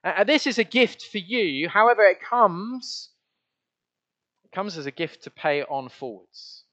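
A man's voice: a little high, very animated, normal speed, a bit bright. A man preaching a conversational, earnest sermon to his church. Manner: earnest, conversational, with many restarts. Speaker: pastor.

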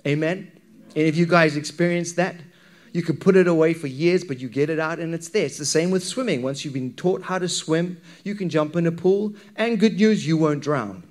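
A man with a Zimbabwean accent preaches to a congregation in a conversational way, drawing listeners in with questions and anecdotes. His voice is a little high and he speaks at a normal speed.

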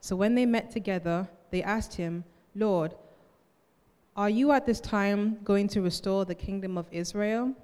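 A woman reads scripture aloud at a mid-range pitch, with a slightly halting delivery and small self-corrections. Her voice carries the long reverberation of a church hall. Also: darkish tone, clear, resonant tone. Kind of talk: reading aloud from the Bible. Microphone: handheld microphone held close.

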